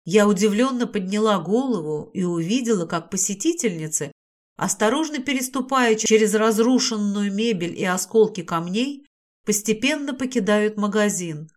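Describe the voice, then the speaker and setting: A woman narrating a first-person audiobook in an expressive, dramatic reading style. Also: medium pitch, normal speed.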